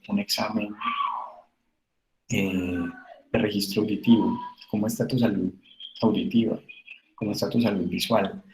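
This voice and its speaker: In a recorded class, a male university lecturer patiently explains his material, often using tag questions and filler words. His voice is on the low side and darkish in tone, and the echoey room carries faint noise.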